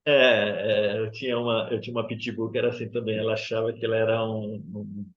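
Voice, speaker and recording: A man speaks in a low voice. He hosts the class calmly and keeps his replies short. His recording sounds dull and lo-fi. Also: fairly quick. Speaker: educator hosting an online class. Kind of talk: class discussion.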